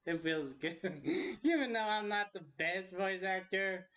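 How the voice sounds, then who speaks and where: A woman's voice: mid-range voice, unhurried, fairly bright tone. A young woman hosting a casual blooper vlog, giggly and swearing a lot. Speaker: hobby voice actor and channel host.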